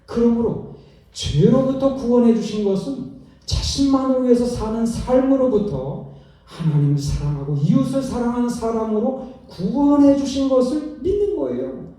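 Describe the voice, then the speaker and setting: Mellow-voiced male pastor in an echoey church. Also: very high-pitched, animated, moderate pace. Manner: asks the congregation rhetorical questions. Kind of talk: sermon. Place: church sanctuary. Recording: echoey church hall, distant mic.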